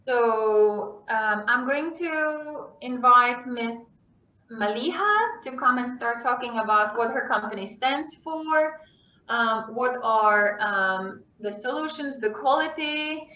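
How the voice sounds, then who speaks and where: A woman's voice: on the high side, animated, slow pace, pushed and bright. A woman moderating an online webinar, introducing the agenda and the panel, with hesitant fillers. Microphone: video call. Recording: echoey, slightly dull video call audio.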